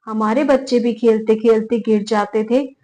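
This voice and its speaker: A mild-mannered elderly father-in-law tries to calm things down in an even, gentle way, as a woman narrator reads him. The voice stays fairly high. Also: unhurried, natural voice, rough recording. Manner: calm, placating.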